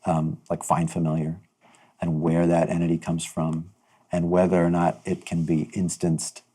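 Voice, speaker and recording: A man's voice: deep voice, monotone, moderate pace, mellow, husky. A man playing a tabletop game, thinking aloud in a hesitant way. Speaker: player.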